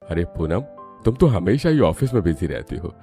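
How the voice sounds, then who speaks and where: A man voicing a busy husband in an animated cartoon, speaking casually with light teasing. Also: low-pitched, normal speed, faint music behind. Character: busy husband on a business trip.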